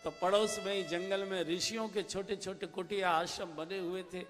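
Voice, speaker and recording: A man's voice: high voice, fairly even intonation, moderate pace, fairly bright tone. A male religious storyteller giving an emotional, dramatic devotional story sermon that slips into sung phrases. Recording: reverberant hall with instrumental music.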